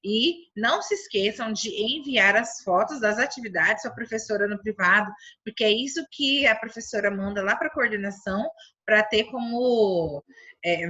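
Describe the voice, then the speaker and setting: A Brazilian woman teaching young children from home, speaking slowly and stretching each syllable. Her voice sits fairly high, bright and a little husky. The recording is dull and lo-fi. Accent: Brazilian Portuguese. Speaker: primary school teacher. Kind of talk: remote lesson for children.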